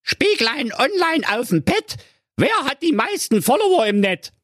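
A man voicing a vain, scheming stepmother who runs a school, in a shrill, haughty falsetto. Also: big pitch swings, a little slow, fairly bright tone, no room sound, studio quality, full character voice.

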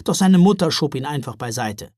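A woman narrating a children's storybook in a lively, expressive way. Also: low-pitched, fairly quick, no room sound, clean studio sound. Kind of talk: storybook reading.

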